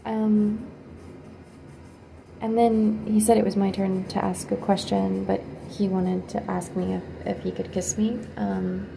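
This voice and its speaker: Halting woman with a flat, gravelly voice. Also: medium pitch, background noise. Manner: hesitant and halting, with many pauses and fillers; quiet, subdued recounting. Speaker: video creator. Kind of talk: personal storytelling.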